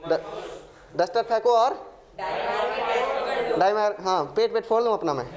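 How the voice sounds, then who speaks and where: A man's voice: sits high, unhurried. A male maths teacher giving a classroom lecture, working sums aloud and joking and teasing with his students. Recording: crowd of students audible.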